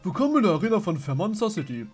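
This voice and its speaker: A woman's voice: lowish voice, very animated, racing, darkish tone, breathy edge, soft background music. A woman voicing a polite, official male arena receptionist from a video game. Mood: formal, businesslike. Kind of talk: dubbing video game dialogue.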